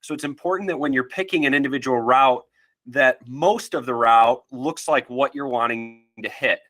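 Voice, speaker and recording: A man's voice: mid-range voice, normal speed, a bit bright. A man with a stuffy, nasal voice from allergies, presenting a webinar in a casual, friendly way with frequent fillers.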